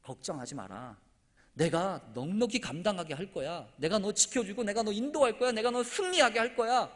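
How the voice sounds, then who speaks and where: A man voicing God in a quoted scene, speaking in a calm, reassuring manner. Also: mid-range voice, moderate pace, creaky, slightly rough, voice pushed down. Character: patient reassuring God, male voice. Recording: echoey church hall.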